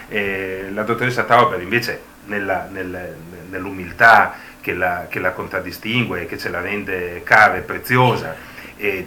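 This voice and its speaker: Bright-voiced, hesitant man in an echoey room. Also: fairly low pitch. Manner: hesitant, reflective, often seeks agreement with tags. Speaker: presenter at a book presentation. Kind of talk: discursive public talk. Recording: echoey room, faint ambient noise.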